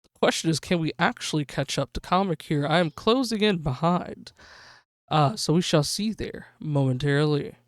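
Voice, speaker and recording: A woman hosting a live gaming stream, excitedly calling a race like a sportscaster for her viewers. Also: sits low, normal speed, dry recording, studio quality. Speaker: livestream host.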